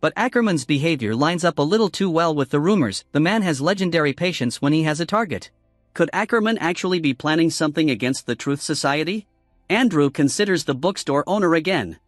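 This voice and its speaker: Lively dry-voiced man narrating a recap. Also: fairly high pitch, fairly quick, no echo. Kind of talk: scripted narration. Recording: dry close voice-over with music.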